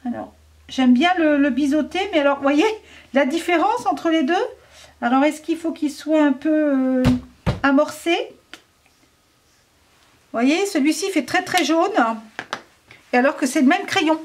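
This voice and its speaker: High-voiced, unhurried French woman reviewing. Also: slight background noise. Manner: chatty, hesitant, thinks aloud with many fillers. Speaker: craft product reviewer. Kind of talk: casual product review.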